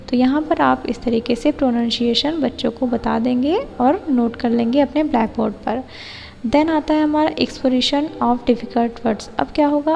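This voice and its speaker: High gravelly woman explaining a lesson plan. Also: mellow, long reverb tail, muffled recording. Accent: Indian. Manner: explanatory, slow read-outs of English lines. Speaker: teacher-training tutor.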